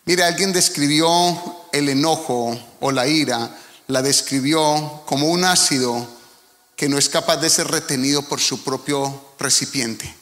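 A man's voice: on the high side, measured pace, fairly bright tone. A man with a Colombian accent preaching a sermon as pastor, earnest and emphatic, speaking directly to the congregation. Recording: long hall reverb.

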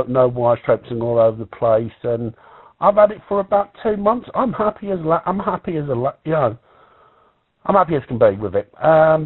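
A man's voice: mid-range voice, husky. A man from the UK chatting casually on a ham radio net, rambling with many restarts. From United Kingdom. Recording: tinny radio audio.

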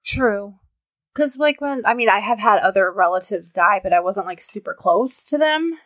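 A woman's voice: medium pitch, lively intonation, normal speed, fairly bright tone, no echo. A woman guest telling personal stories in a casual, chatty way, full of filler words. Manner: chatty storyteller, many filler "like"s. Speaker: podcast guest. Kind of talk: casual chat.

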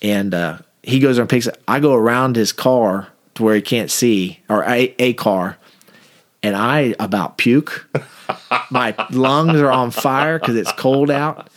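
A man's voice: medium pitch, slow. A man who is a police officer, telling a story from his work in a casual interview. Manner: animated anecdote with acted-out quotes.

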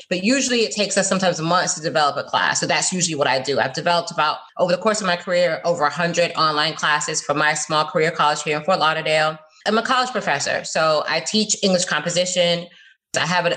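A college professor in her forties from South Florida is being interviewed on a podcast. Her voice is lowish, and she speaks in a lively, earnest manner, laughing easily.

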